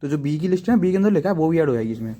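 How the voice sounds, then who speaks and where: A man explains programming step by step in a loose, chatty tutorial manner, stopping often to check in with his listeners. His voice sits slightly high but sounds dark and mellow. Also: lively intonation, rapid-fire. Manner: chatty, repeats "ठीक है दोस्तों" often; self-deprecating asides to viewers. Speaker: coding teacher. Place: at home writing in a notebook.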